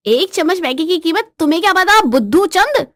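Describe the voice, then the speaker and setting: A woman voicing a bratty, defiant young newlywed wife in a bedtime storybook tale, cheeky and shrill. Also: lively intonation, fairly quick, dry recording, studio quality.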